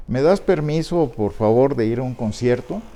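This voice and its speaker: A man's voice: medium pitch, animated, moderate pace, warm tone, lightly acted. A man voicing a whiny, rebellious teenage son who keeps asking his father for permission. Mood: pleading.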